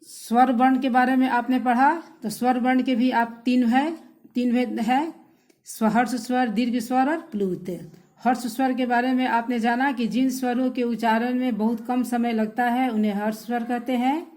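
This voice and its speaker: A woman's voice: fairly high pitch, steady tone, normal speed, darkish tone. A woman teacher giving a recorded grammar lesson to schoolchildren, patiently repeating definitions and speaking to the children directly.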